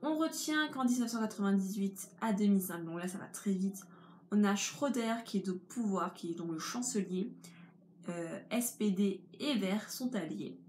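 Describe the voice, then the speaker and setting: Young female tutor, casual lesson delivery, mid-pitched voice, roomy echo. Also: normal speed, darkish tone, a little hiss or hum. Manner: chatty, explains step by step. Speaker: history tutor. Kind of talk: informal history lesson. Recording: echoey room with faint ambience.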